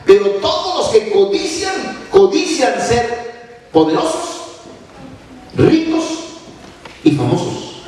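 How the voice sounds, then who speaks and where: A male preacher with a fairly high voice delivers an emphatic sermon, rising to loud lines and dropping to quiet ones and quizzing the congregation. He sounds far from the mic in a very echoey church, with faint noise underneath. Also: huge pitch swings, slow pace, long pauses. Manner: emphatic, swings between loud and hushed, asks the congregation questions. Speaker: minister preaching. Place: church sanctuary.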